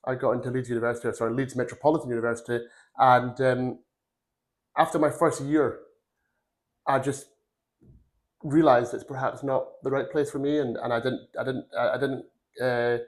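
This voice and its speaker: A man in his forties, from Glasgow, telling his career story as a podcast guest. He rambles in an earnest way, with a voice of middling pitch for a man. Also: little pitch movement, normal speed, long pauses. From Glasgow, Scotland. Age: 40s. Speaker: podcast guest, recruitment firm founder. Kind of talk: casual career interview.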